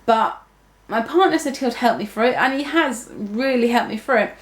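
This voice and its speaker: A young woman with a voice on the high side speaks at a moderate pace, talking casually to camera as a vlogger. She rambles, restarting often and using many fillers. The room she records in is echoey.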